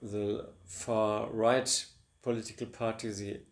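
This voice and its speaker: A man's voice: on the low side, little pitch movement, slow pace. A German man speaking in a conversational interview, hesitant and often repeating words while he searches for them. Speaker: guest. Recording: echoey room.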